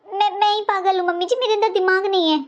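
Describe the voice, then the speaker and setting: A woman's voice: very high voice, fairly even intonation, fast, muffled recording. A woman voicing a young daughter-in-law in a cartoon, pleading and flustered as she answers her mother-in-law. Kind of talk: cartoon voice acting.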